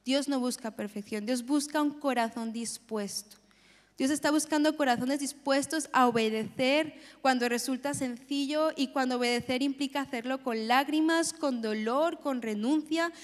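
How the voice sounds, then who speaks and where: A woman's voice: high-pitched, normal speed. Earnest young woman preaching in a hall. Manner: earnest, emphatic repetition. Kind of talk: sermon with personal testimony. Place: church hall. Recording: long hall reverb.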